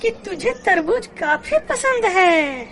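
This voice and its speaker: Woman voicing a squeaky sly cartoon jackal. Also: takes it slowly, exaggerated voice. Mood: sly, sugary. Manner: sweet-talking, very high and lively. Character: sly scheming male jackal, small and chirpy. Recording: clear background noise.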